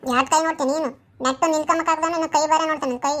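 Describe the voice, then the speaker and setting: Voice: sits high, steady tone, very fast. A performer playing a village wife who mocks and scolds her drunken husband in a comic skit. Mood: mocking, scolding. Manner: sharp, mocking, scolding.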